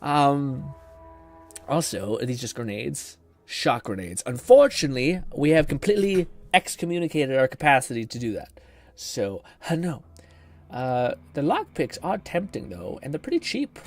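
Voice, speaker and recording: A man's voice: mid-range voice, big pitch swings, moderate pace, dry recording, soft background music. A man doing casual live game commentary as a streamer, thinking aloud in an informal, sweary way.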